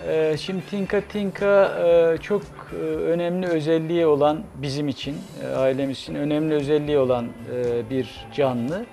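Measured older man with a mellow voice. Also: a little high, steady tone, faint music behind. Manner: measured, hesitant, many fillers. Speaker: guest, cafe owner. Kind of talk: studio interview. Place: TV studio kitchen set.

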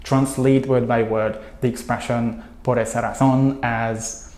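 An unhurried English coach, a man originally speaking Hungarian, works through a scripted video lesson to camera, earnest and steady, listing points in long stretches. His pitch is middling, and a noticeable roomy echo from a small home room colors the lapel-mic sound.

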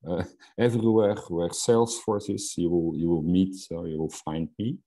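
A middle-aged Belgian man whose native language is Dutch teaches Salesforce in an online webinar. His voice sits low and steady, warm in tone, at a moderate pace. He sounds hesitant, with plenty of fillers and restarts.

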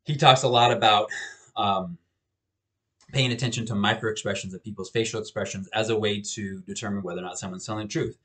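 Speaking briskly, a thirty-something male professor gives a recorded webcam lecture from a small home office. The pitch is fairly low, the intonation fairly even, and the tone a bit bright. He sounds casual and conversational, frequently starting over and repeating himself.

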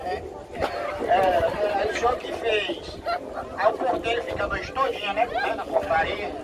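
A man's voice: high voice, unhurried. A man with a Northeastern Brazilian accent doing improvised street comedy, teasing volunteers playfully as he performs. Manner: teasing, playful crowd banter. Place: open seafront square at night. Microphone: distant camera among spectators. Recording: distant mic, loud outdoor crowd noise. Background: loud crowd and outdoor noise.

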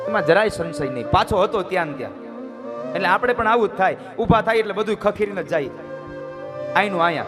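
A man giving a devotional sermon, pressing his point with rhetorical questions and breaking into sung verses. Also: high voice. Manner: rhetorical questions, earnest and insistent. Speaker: katha preacher.

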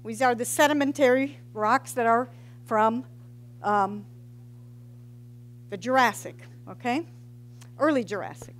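Her voice on the high side, a middle-aged woman speaks a little slowly with long pauses. She's a geology professor delivering a casual public science talk on a headset mic in a big hall with brick walls, cracking jokes and testing the crowd with questions.

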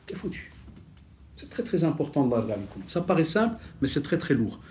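A man delivers a lecture-style sermon, his voice mellow and warm rather than bright. He talks like a storyteller, lively and conversational, slipping Arabic expressions into his as he teaches. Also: on the high side, fairly quick, a little hiss or hum. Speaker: preacher and teacher.

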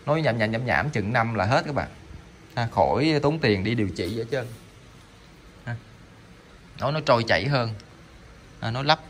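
A man's voice: mid-range voice, lively intonation, normal speed, long pauses, a bit bright, slight background noise. Rambling man selling salvage electronics. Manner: rambling, stammering, lots of fillers. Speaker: online seller of salvage electronics. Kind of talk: casual sales talk while demonstrating parts.

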